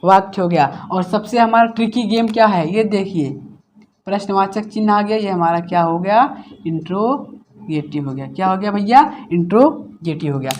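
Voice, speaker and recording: A man's voice: high voice, slight background noise. A man teaching a grammar lesson, who keeps asking himself questions, answers them, and repeats the key words. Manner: slows to dictate example words one at a time. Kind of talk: classroom-style grammar lesson.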